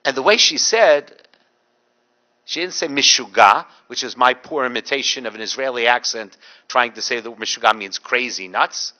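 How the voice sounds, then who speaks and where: The recording is lo-fi, carrying a middle-aged man's mid-range voice at a moderate pace. He's a rabbi lecturing to the public through dryly funny stories, animatedly doing the voices of those involved.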